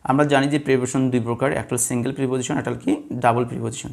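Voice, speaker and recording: A male teacher from Bangladesh gives a classroom-style lesson, asking his students questions and answering them himself. His voice has a gravelly, creaky edge at a middle pitch. He talks patiently and repeats each rule several times. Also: flat delivery, racing. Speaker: English teacher. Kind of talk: blackboard lesson explaining word stress.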